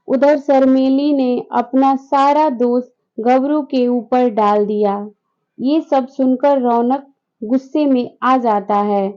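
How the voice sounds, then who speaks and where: A woman's voice: high-pitched, warm tone, lo-fi sound. A woman telling a family story as scripted narration, reading each character's lines in her own voice after naming them.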